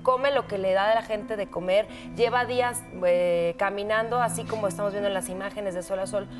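A Mexican woman in her thirties reports news in a conversational way. She has a mid-pitched voice on a studio microphone, with faint music behind her. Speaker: news presenter. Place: large television news studio. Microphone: lapel microphone.

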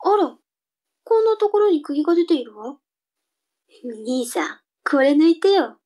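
Cheeky kid sister for comic reading drama, played by a woman: high, cute anime-girl voice, sulky edge. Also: sing-song, a little slow, dark tone. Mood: bright, matter-of-fact.

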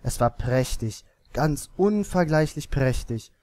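Male narrator for a fairy tale; expressive storybook read, a touch high, dry and close. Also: slow, no echo.

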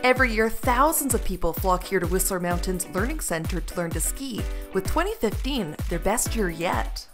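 A woman's voice: mid-range voice, lively intonation, moderate pace, hardly any pauses, over music. A young woman hosting and narrating a television feature in a scripted, upbeat presenter style. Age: young adult. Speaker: TV host and reporter.

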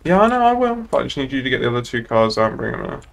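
His creaky mid-range voice turns sing-song as the young British streamer speaks very fast while playing a server moderator in an online game. The talk is informal and laced with swearing.

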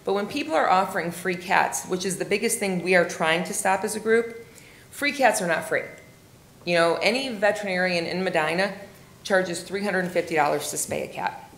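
Low-voiced woman at a council podium. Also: a bit bright. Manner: earnest, halting with fillers and restarts. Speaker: cat rescue group founder addressing city council. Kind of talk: public comment at a council meeting. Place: council chamber. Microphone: desk microphone, camera at a distance. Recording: echoey council chamber, faint hum.

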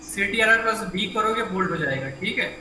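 A man's voice: high voice, expressive, brisk, bright, forceful tone, a little hiss or hum. Echoey male computer teacher. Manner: explains step by step, asks students questions, repeats "ठीक है". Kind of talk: online class teaching. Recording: echoey room mic from a distance.

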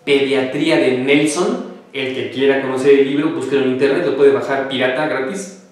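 A man's voice: medium pitch, steady tone, normal speed. A man giving casual natural-health advice, chatty and joking as he answers viewers' questions. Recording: echoey room, voice from far off.

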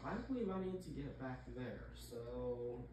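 Halting self-mocking gamer, echoey and distant. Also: male voice, medium pitch. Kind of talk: casual let's-play commentary. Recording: echoey room, mic far off, noisy.

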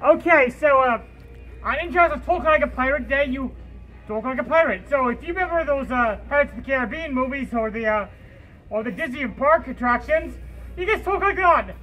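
A woman's voice: sits high, expressive, fairly quick, a bit bright, lo-fi sound, soft background music. A woman vlogging in a pirate fursuit costume inside a drugstore, chatting playfully with lots of filler sounds and pirate interjections. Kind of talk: playful pirate-themed vlog chat.

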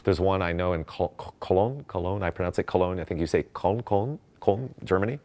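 Deep voiced guy giving an excited rambly talk on a festival stage, lots of ums. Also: quick pace. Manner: enthusiastic, chatty, frequent fillers and restarts. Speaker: conference speaker. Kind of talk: casual presentation talk with slides.

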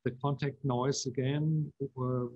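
A man giving a conference keynote on video call, halting and full of fillers and restarts. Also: mid-range voice, flat delivery, warm tone, lo-fi sound. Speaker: keynote speaker, composer.

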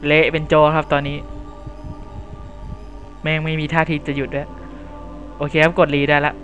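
A young man commentates a horror game in a slightly high voice, blurting crude swears at every scare. He cracks jokes to his viewers between deaths, with faint game music behind him. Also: level tone, moderate pace, poor audio. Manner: crude, loud swearing outbursts and jokey asides to viewers. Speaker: gameplay commentator.

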